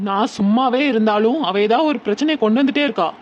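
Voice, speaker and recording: A woman voicing a calm young neighbour mother with a Tirunelveli Tamil accent, speaking firmly and reasoning in a cartoon. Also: on the high side, fast, close to an everyday voice. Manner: firm, reasoning. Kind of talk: cartoon voice acting. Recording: dull lo-fi with faint noise.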